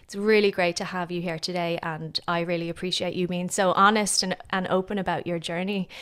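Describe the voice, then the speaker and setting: Lady podcast host, middle pitch voice, conversational interviewer. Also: steady tone, fairly quick, fairly bright tone, clear, resonant tone.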